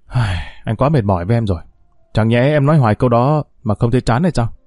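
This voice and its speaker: A man's voice: mid-range voice, lively intonation, fast talker, darkish tone, dry recording, studio quality, natural voice. A man voicing a worn-out young husband who answers in a snappish, tired way in an audiobook story. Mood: irritable. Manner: snappish, weary. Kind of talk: audiobook character voice.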